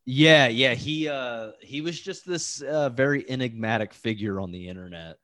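A man's voice: mid-range voice, normal speed, a bit bright, no echo, studio quality. A male podcast host chatting casually, rambling through stories with lots of fillers and swearing. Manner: rambling, laid-back storytelling, full of fillers and swearing.

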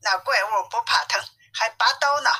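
A woman's voice: a little high, normal speed, bright, forceful tone, husky, poor audio. A woman voicing a brash, teasing male monkey king in a storybook reading, taunting his enemies and grumbling at his helpers. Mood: cheeky.

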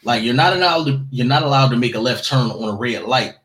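A man's voice: medium pitch, fairly quick, a bit bright, slight background noise, low-quality recording. Man in his forties telling a story. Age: 40s. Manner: storytelling, lots of restarts and fillers. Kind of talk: casual chat.

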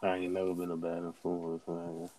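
A man's voice: sits low, monotone, moderate pace, warm tone, no echo, poor audio. A man, casually joining podcast banter with brief slangy interjections.

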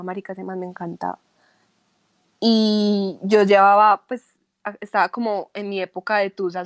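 A woman's voice: medium pitch, dry recording. A young woman with a Colombian accent telling a confessional story in casual, slangy chat. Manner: chatty confessional, heavy slang.

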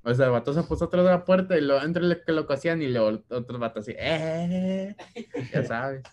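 A young man with a Mexican accent chats casually with friends, telling a story he acts out with sound effects and slang. His voice is medium-pitched, fast and a little mellow.

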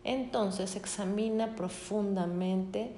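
A woman reads a self-help passage aloud at a steady, even pace. Every so often she slips into casual asides before going back to the text. Her voice carries a noticeable room echo, with a faint rumble underneath. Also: slow pace. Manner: steady reading broken by casual spoken asides. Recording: roomy echo.

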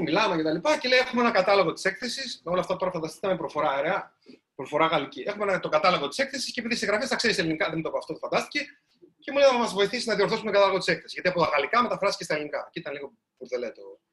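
A man's voice: fairly high pitch, pushed and bright. A man, a writer, giving a storytelling talk to a live audience and addressing them directly.

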